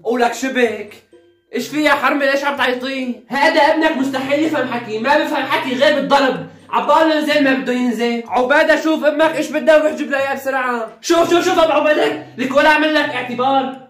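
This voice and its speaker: A woman acting out a shouty family comedy skit, scolding loudly and switching between roles. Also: high voice. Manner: scolding, loud and quick. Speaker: comedy sketch performer. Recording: echoey room with faint music.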